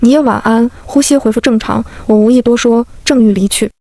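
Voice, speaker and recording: Woman, storybook narrator, fairly high voice, dry close sound, calm even reading. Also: a little fast, no room sound. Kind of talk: first-person storybook narration.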